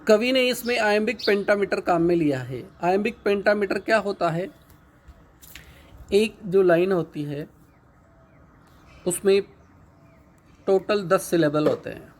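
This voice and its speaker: A high-pitched male teacher gives a patient, repetitive lecture. He reads each line of an English poem slowly, then explains it in Hindi.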